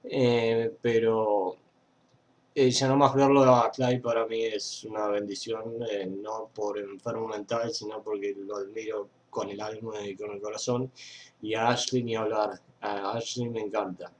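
A man's voice: fairly low pitch, flat delivery, measured pace, a little hiss or hum. A young man from Argentina with an Argentine accent, hosting a fan page in a casual webcam news chat, rambling with many fillers and restarts, indoors on a webcam mic. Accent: Argentine Spanish. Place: indoor room at a computer.

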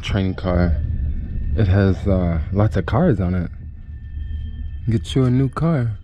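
A young American travel vlogger, short on sleep, casually narrates a train trip and a walk around a city, staying easygoing and upbeat while thinking aloud. His voice is low, expressive, and slow. The audio comes from a handheld wide-angle camera's mounted mic outdoors, noisy with station and street sounds through trains, stations, and city streets.

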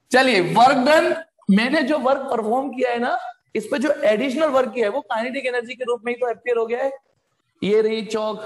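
A man teaching physics in a live online class, joking and coaxing students to answer quickly. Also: very high-pitched, roomy sound.

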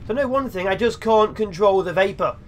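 A man's voice: sits high, fairly quick, a little hiss or hum. A young man hosting a game let's play, chatting and joking to himself as he plays. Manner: chatty, jokey, talks to himself while playing. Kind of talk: gameplay commentary.

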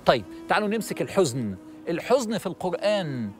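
A middle-aged man with an Egyptian accent giving a religious lesson to a studio audience, animated and asking questions. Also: high-pitched, quick pace, faint music behind. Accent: Egyptian Arabic. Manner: animated, asks the audience questions, acts out worried people. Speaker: religious TV host and lecturer.

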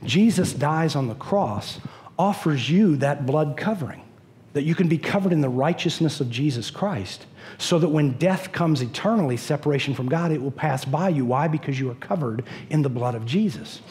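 A middle-aged man preaching a sermon as pastor, animated, pacing a church stage. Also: fairly high pitch, normal speed. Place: church stage in a large dim hall.

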